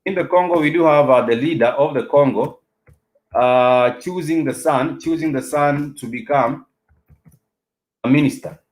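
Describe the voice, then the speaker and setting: A man with an African accent hosts a spoken political commentary, talking haltingly and often repeating phrases for emphasis. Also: on the high side, low-quality recording. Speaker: host of a political discussion show.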